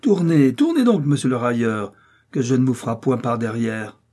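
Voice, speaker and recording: A man reading an audiobook voices a hot-headed young Gascon man who shouts indignant challenges. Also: mid-range voice, animated, moderate pace. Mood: furious, challenging.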